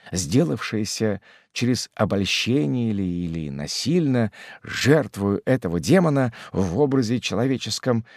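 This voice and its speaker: Male audiobook narrator, slow, gravelly, lively melody, dry close sound. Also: lowish voice, no echo. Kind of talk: scripted narration of a classic novel.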